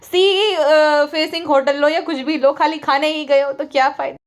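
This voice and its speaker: A woman's voice: high voice, steady tone, normal speed. A woman giving a sarcastic, mocking gossip commentary and mimicking the people she criticizes. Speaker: online commentator.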